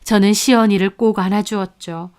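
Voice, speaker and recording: An older woman narrating a family drama in a steady, scripted storytelling voice, as a grandmother. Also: mid-range voice, normal speed, smooth. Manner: steady storytelling, bursts into angry scolding in quotes.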